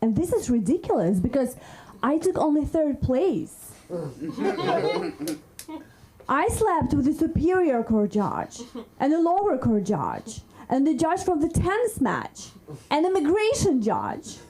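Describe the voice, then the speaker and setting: A woman's voice: sits high, huge pitch swings, measured pace, dark tone, poor audio. A woman from Kazakhstan with a Kazakh accent performing stand-up in a comedy club, teasing the crowd.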